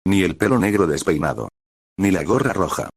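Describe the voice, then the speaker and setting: A man reading a dramatic story aloud as a steady narrator. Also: low voice, normal speed, husky, no room sound, clean studio sound. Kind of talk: scripted audiobook narration.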